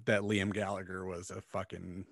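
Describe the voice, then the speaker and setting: A middle-aged man co-hosts a podcast, chatting about books casually, bluntly, and with plenty of swearing. His deep, creaky voice is flat at a normal speed, recorded dry and close on a podcast mic with headphones.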